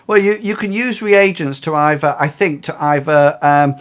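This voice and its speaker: A man's voice: fairly high pitch, normal speed, smooth. A man narrating as game master, explaining rules and the action to his players.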